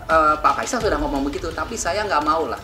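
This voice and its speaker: Older man, halting interview retelling, heats up as he talks; echoey room, music bed. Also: on the high side, pushed and bright. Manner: halting, many restarts, voice rising when agitated.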